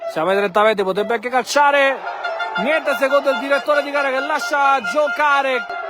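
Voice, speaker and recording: A man giving live, excitable football play-by-play, bursting into shouts on chances and goals. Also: very high voice, normal speed. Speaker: football match commentator. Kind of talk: live play-by-play goal commentary. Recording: crowd and music behind commentary.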